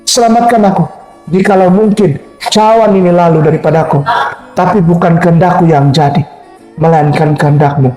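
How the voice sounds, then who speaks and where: A man voicing a frightened man who begs in prayer to be spared, in a low, pleading tone. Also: normal speed, mellow, lightly acted. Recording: roomy sound with faint music.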